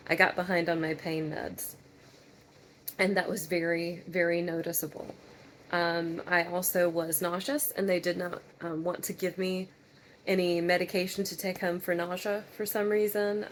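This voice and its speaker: A woman talking casually in a personal vlog, tired and low on energy as she recovers from surgery, with halting speech and long pauses. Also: a little hiss or hum. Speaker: patient vlogger.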